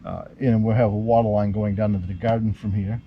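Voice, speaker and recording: A man's voice: on the low side, brisk, dull audio. A host out of breath, explaining his build in an easygoing, rambling way full of "uh" and "you know". He speaks outdoors, with a faint hum of open-air ambience behind him. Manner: relaxed, rambling, with many fillers. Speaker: homesteader host. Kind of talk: casual on-site walkthrough.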